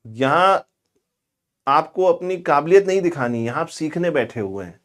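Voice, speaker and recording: Man, high voice, grammar lecture, chatty, scolding. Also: expressive. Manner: chatty and scolding, calls students "bhai" and "pagle"; stretches example words out slowly. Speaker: English grammar teacher. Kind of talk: classroom lecture.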